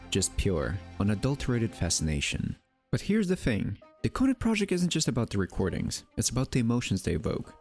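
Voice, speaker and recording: The narrator and presenter of a mystery video channel, a man with a lowish, darkish voice, reads scripted documentary-style narration theatrically. He tosses in playful asides and rhetorical questions.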